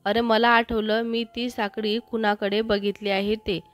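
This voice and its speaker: A woman's voice: on the high side, little pitch movement, measured pace, natural voice. A woman reading as a curious young friend.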